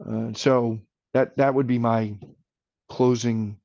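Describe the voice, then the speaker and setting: A man's voice: mid-range voice, fairly even intonation, takes it slowly, vocal fry, darkish tone, no echo, lo-fi sound. A man speaking as a podcast guest in casual conversation, earnest and enthusiastic, rambling a little as he talks.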